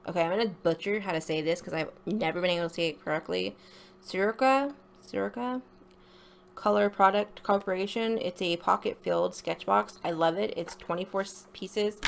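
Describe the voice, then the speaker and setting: A woman's voice: fairly low pitch, a little hiss or hum. A woman with a slight lisp giving a casual, rambling voice-over for an art video, with informal apologetic asides.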